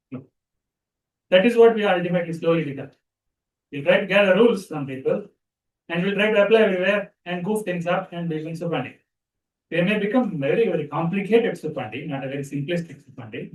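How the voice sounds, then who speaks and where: A man, a spiritual teacher giving a talk in a conversational, animated storytelling manner. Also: high voice. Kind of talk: spiritual discourse. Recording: roomy sound from a distant mic.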